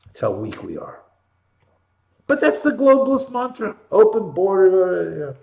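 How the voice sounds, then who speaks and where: Ranting American man, high-pitched, in an echoey room. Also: wildly swooping pitch, moderate pace, vocal fry. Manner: emphatic, punchy repetition with swings from loud to hushed. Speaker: talk show host. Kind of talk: impassioned political monologue, ranting. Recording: roomy, echoing sound.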